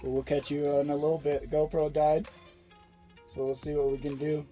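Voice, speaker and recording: A young man vlogging outdoors on a ski slope and chairlift, talking excitedly in slangy casual chat into a helmet-mounted camera. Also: on the high side, normal speed, music in the background. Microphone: helmet-mounted action camera.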